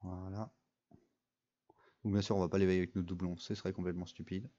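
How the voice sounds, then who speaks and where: A man's voice: low voice, little pitch movement, quick pace, warm tone, dull audio. A young man giving casual, rambling commentary over a mobile game, full of fillers and restarts. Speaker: gaming video creator.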